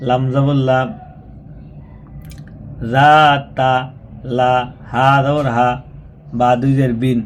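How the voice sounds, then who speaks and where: A patient male teacher with a mid-pitched voice. He spells out recitation syllable by syllable, repeating each sound and stretching it out for his listeners. The delivery is a steady, patient spoken tutorial. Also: a little hiss or hum. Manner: patient, repetitive, slows down and draws out syllables when demonstrating. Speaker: Quran reading teacher.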